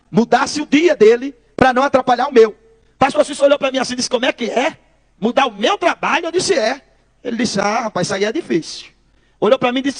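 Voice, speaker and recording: Speaking quickly in a very high voice, a Brazilian man with a Brazilian Portuguese accent tells his testimony as a story. Like a preacher, he acts out the quoted exchanges and keeps addressing his listeners as brothers.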